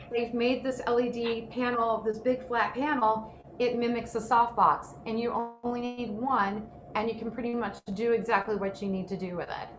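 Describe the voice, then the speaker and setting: A woman with a slightly high voice hosts a casual workshop from an indoor room, presenting in an informal, chatty and emphatic style. She is a host and photographer, and the rough recording has noticeable background noise.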